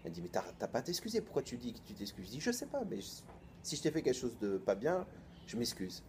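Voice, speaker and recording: A man in his thirties, a rabbi giving an informal storytelling sermon in a colloquial, lively way, acting out both sides of the conversations he recounts. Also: medium pitch, quick pace, slight background noise.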